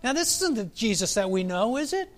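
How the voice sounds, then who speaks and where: High-voiced pastor guy giving a sermon, reflective, asks the crowd stuff. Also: big pitch swings, a little fast, soft background music. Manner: reflective, asks the congregation questions, varies pace for emphasis.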